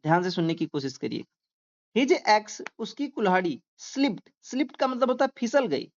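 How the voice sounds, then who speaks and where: Man, teacher, slow deliberate delivery, word-by-word explanation, dull lo-fi sound. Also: high-pitched, big pitch swings. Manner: reads English lines very slowly, then explains each word; often checks understanding with a question tag. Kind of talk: line-by-line lesson explanation.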